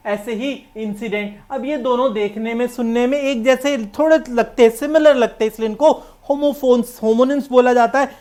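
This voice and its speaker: Indian woman teacher explaining grammar for an exam, slightly high voice, goes step by step. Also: a little mellow. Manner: explains step by step, mixing English terms into Hindi. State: coughing, needs water. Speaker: English teacher. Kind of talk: exam-prep lecture.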